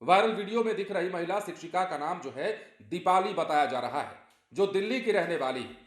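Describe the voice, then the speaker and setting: A man's voice: high voice, lively intonation, brisk. A man presenting a news report with commentary, emphatic and repeating phrases for effect. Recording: roomy echo.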